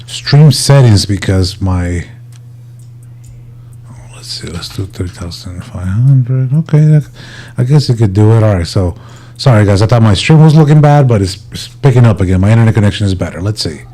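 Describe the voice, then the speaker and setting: A man hosts a livestream, chatting in a laid-back, informal way and addressing his viewers as buddies. His voice is on the low side and warm, with lively intonation and a moderate pace.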